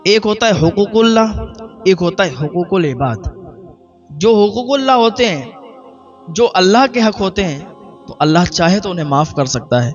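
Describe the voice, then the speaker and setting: A man's voice: sits high, lively intonation, highs cut off, faint music behind. A man preaching a sermon in Urdu, telling a moral story and acting out the characters' dialogue.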